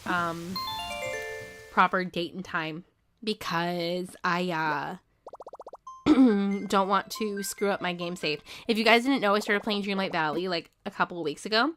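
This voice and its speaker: On her gaming live stream, a young woman with a voice on the low side and a lingering hoarseness chats aimlessly, packing in fillers. She sometimes squeals with excitement over the game music.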